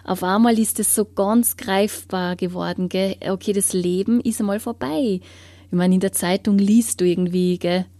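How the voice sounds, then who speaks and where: A woman giving an earnest personal testimony in an interview, often sinking into a hushed whisper as she searches for words. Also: medium pitch, fairly even intonation, moderate pace, no room sound.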